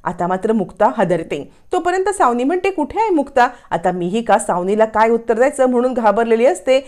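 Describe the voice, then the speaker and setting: A woman retelling a TV serial episode for her viewers. She keeps a steady storytelling pace. Her voice sits on the high side. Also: brisk. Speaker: narrator.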